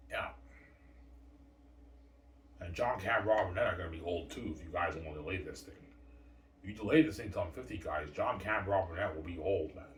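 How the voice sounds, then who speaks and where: A man's voice: deep voice, fairly quick, pauses often. A man talking in a rambling, repetitive casual monologue, often tagging lines with "obviously" and "man". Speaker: vlogger. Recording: echoey room, distant mic, faint noise.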